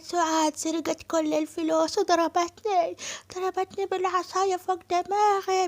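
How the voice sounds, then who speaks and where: A woman's voice: extremely high pitch, pitched above the performer's own voice. A woman voicing an old Egyptian nanny who wails and curses shrilly, with an Egyptian accent. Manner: wailing, cursing.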